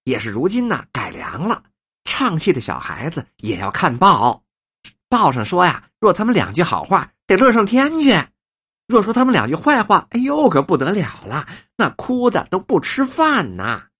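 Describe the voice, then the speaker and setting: A man voicing a fussy, flattering old woman in a storybook reading, with a husky voice. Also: normal speed, full character voice. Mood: gushing. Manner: shrill, gushing and flattering.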